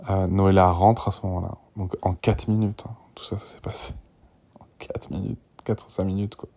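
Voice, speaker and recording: Gravelly low-ish dad voice, mellow and dark, rambling through a personal audio diary with lots of restarts, goes whispery sometimes. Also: male voice, steady tone, moderate pace. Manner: rambling and emotional, with many restarts and "tu vois"; drops to a breathy whisper at tense moments. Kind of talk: candid spoken audio diary.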